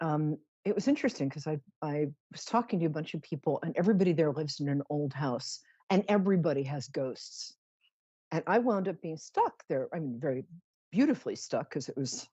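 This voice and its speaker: A woman's voice: low voice, warm tone, husky, no room sound, highs cut off. A woman hosting a live psychic show in a chatty monologue, with a campy, theatrical, drag-queen-like delivery and playful, tongue-in-cheek grandiosity. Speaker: psychic radio show host.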